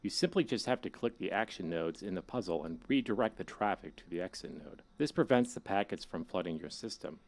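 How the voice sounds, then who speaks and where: A man's voice: low-pitched, lively intonation, a little fast, hardly any pauses, darkish tone. A man playing a casual, ominous hacker guide who narrates a horror game tutorial in a wry, instructional way. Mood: instructive, casual.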